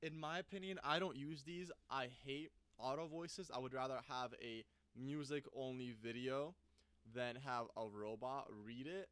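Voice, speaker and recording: Man with a smooth, dry voice. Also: medium pitch, a bit bright, no room sound. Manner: thinks aloud while clicking, loose and conversational. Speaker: software reviewer. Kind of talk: casual screen-recorded tutorial.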